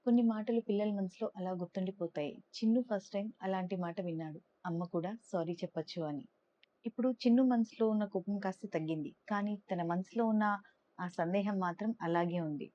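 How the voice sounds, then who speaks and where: A woman telling a storybook tale for families in a gentle manner, speaking directly to the listeners. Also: mid-range voice, a little fast. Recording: dull lo-fi recording.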